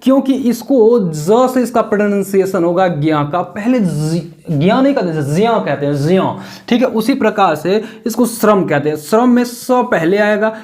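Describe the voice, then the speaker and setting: A male teacher explaining a lesson step by step, asking questions and answering them himself and repeating the key points. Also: high voice. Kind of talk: classroom-style lesson.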